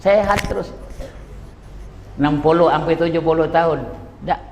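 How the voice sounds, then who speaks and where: A man in his sixties with a Palembang Malay accent, preaching an emotional sermon that swings from low talk to high cries. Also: normal speed, slight background noise. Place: large prayer hall at a religious gathering. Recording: echoey hall with long reverb.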